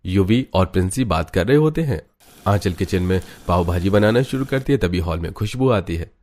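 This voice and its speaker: A man narrating a cartoon story in an even, scripted storytelling manner. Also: low voice, moderate pace.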